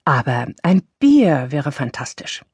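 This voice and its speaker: A man's voice: mid-range voice, sing-song, slow pace, a little mellow, husky, no echo, heavily acted. A woman voicing a wry, defensive grandfather.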